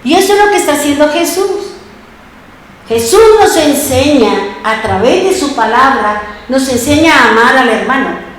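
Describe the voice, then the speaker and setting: A woman's voice: high-pitched, lively intonation, normal speed, very echoey, low-quality recording. A woman preacher giving an emphatic sermon, asking her congregation rhetorical questions. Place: church.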